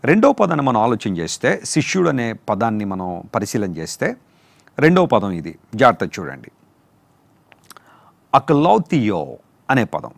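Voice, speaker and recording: Man, pastor, slow repeating sermon delivery, lively pitch. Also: vocal fry, dry recording. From India. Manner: explains terms slowly, repeating and spelling out each word. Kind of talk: sermon teaching on word meanings.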